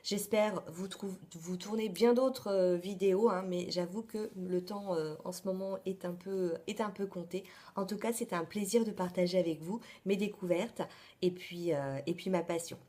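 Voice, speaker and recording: A woman's voice: mid-range voice, moderate pace, dark tone. A woman in her thirties chatting through her monthly beauty favorites, with lots of hesitations and asides. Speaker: beauty vlogger. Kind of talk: casual beauty favorites vlog.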